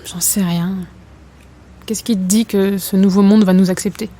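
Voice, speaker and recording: A young adult woman acts in a naturalistic French audio drama, playing an embattled young athlete full of doubt. Her mid-range voice has a dark tone and fairly even intonation at normal speed, close to everyday speech, and she sounds earnest, colloquial, anxious and defensive.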